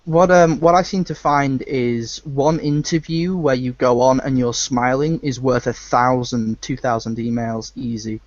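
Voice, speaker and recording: A man's voice: mid-range voice, fairly even intonation, measured pace, few pauses, dry recording. Guy hosting a podcast, chatty and loose, kinda dull lo-fi audio, no room sound. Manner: loose, chatty, swears freely. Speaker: podcast host. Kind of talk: casual chat.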